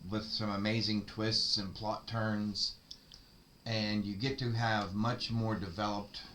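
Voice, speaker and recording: A man with a low voice chats casually in an easygoing, rambling way. A faint hiss of room noise sits behind him. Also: bright, forceful tone. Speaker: streamer's partner. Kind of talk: casual chat.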